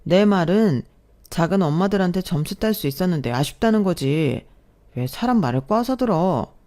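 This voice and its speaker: A woman putting on a touchy young boyfriend who answers sharply and then backpedals into defensive pleading. The voice is warm and mellow, with no deep shift, like a line in an audio drama. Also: lively intonation, moderate pace, close to an everyday voice.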